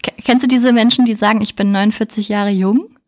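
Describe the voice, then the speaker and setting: A podcast host, a woman in her early thirties, chats casually and laughs often while asking reflective questions. Her mid-range voice is steady and darkish in tone, and she speaks a little fast.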